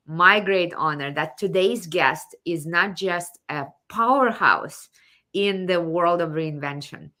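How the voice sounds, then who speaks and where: Enthusiastic woman host, bright voice. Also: on the low side. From Kazakhstan. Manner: enthusiastic, repeats welcomes. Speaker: show host. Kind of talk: live online show hosting.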